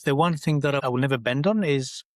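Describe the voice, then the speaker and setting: A man's voice: mid-range voice, brisk, no echo. A middle-aged man from Greece, a guest in a podcast interview, speaking in a thoughtful way with many restarts. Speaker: guest, engineering leader. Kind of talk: conversational interview.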